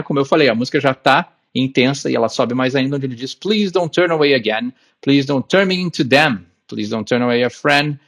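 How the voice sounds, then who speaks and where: A man with a Brazilian Portuguese accent, hosting a channel and casually explaining song lyrics, often tagging his phrases with a question and reading English lines out slowly. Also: mid-range voice, vocal fry, husky.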